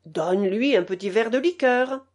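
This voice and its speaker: A woman's voice: fairly high pitch, moderate pace, darkish tone, natural voice. A woman reading aloud voices a worried middle-aged innkeeper father, in a plain and earnest tone.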